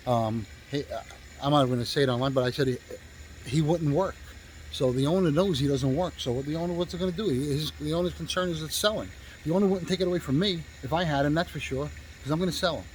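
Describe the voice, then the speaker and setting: A man's voice: a little high, quick pace, slight background noise, poor audio. A male real estate agent telling a story in a casual, rambling way, swearing freely and stopping often to restart with fillers.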